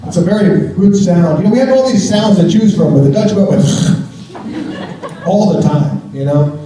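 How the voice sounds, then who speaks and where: Here a man from the United States performs stand-up for a live audience, wry and casual, chuckling along with his jokes. His voice sits high with a dark tone and a measured pace, captured by a distant mic in a roomy theater.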